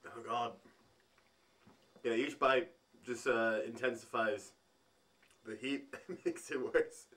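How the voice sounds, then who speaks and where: A man vlogging as he tastes food, talking in halting bits while he thinks aloud between bites. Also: mid-range voice, steady tone, fairly bright tone. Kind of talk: food tasting vlog.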